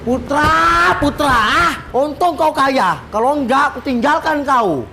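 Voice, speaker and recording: A woman with a Medan accent playing a sharp-tongued, bossy middle-aged woman who scolds and complains bluntly. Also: sits high, expressive, measured pace, creaky, a little hiss or hum, exaggerated voice. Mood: irritated. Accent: Medan Indonesian. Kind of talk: comedy web drama acting.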